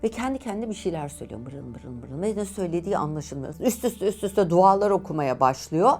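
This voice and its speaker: A woman hosting and telling a paranormal true-crime story, with an expressive, dramatic delivery. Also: medium pitch, faint music behind. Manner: lively, expressive retelling with dramatic pauses. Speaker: journalist and storyteller host.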